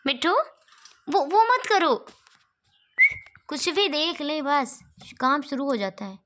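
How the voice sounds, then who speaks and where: A woman's voice: high voice, sing-song, slow pace. A woman talks to her pet parrot at home in a fond, sing-song voice, repeating pet names. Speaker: pet owner. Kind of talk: coaxing talk to a pet parrot. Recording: home phone recording with background noise.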